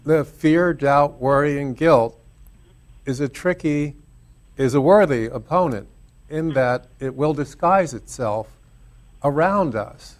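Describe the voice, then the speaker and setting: A man's voice: fairly high pitch, slow pace. Man co-host coaching a caller. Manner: coaching, checks in with the listener. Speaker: show host. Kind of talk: spiritual talk radio chat.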